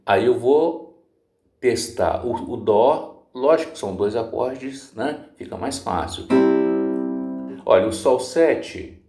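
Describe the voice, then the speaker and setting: A man's voice: mid-range voice, animated, takes it slowly. A man teaching a guitar lesson, explaining patiently step by step and singing short lines to show each chord change. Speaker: music teacher. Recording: roomy sound, guitar playing under the voice. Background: acoustic guitar.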